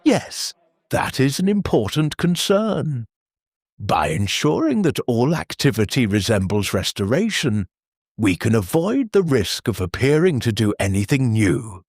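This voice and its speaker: In this audio drama, an actor voices an earnest, formal church meeting chairman, delivering lines in a measured, bureaucratic deadpan. His pitch is medium, and the studio-quality recording has no echo.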